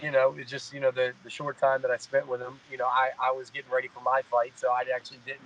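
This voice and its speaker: A man's voice: medium pitch, monotone, fast, a bit bright, poor audio. A man in his mid-thirties, a fighter, talking in a casual interview, rambling and repeating "you know what I mean". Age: 30s. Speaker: guest fighter.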